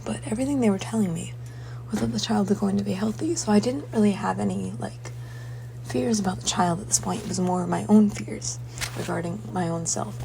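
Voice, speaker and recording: A young woman casually recounting a dream in a halting, searching way, her voice breathy and slipping toward a whisper. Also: mid-range voice, noisy background. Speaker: dream diarist.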